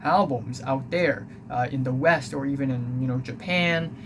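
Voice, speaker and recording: A teenage guy from Hong Kong, whose first language is Cantonese, talks with a Hong Kong accent in a mid-range voice at normal speed. He's a music reviewer rambling through a blunt, casual album review packed with fillers, with background noise in the recording.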